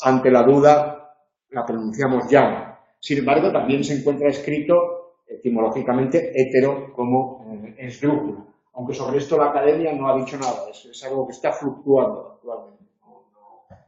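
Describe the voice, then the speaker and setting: A man with a Peninsular Spanish accent giving a university lecture, hesitant, pausing often on filler sounds and restarting phrases, in a classroom. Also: medium pitch, a little mellow. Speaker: university tutor. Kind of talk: spoken lecture. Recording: dull echoey room recording.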